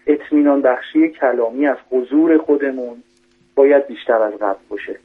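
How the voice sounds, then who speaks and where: Male doctor phoning in to radio, husky tone, tinny phone sound, methodical, lists numbered points. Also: mid-range voice. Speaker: doctor giving parenting advice. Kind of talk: radio call-in advice. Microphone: telephone.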